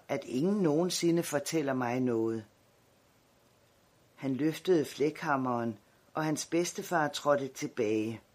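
Husky male audiobook narrator. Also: fairly high pitch.

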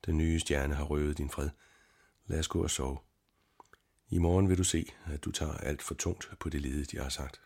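A man voicing a calm, gentle young scholar in an audiobook reading, with a husky voice and a measured, reasoning way of talking. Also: rumbling low.

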